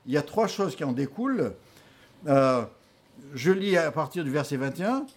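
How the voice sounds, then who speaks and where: A man preaching a sermon, telling stories in an animated way with many hesitations. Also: on the high side, moderate pace.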